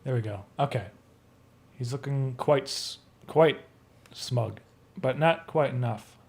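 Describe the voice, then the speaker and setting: A man's voice: mid-range voice, takes it slowly, gravelly. Guy animating on stream, laid back, trails off while he works. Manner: relaxed, thinking aloud, trailing off.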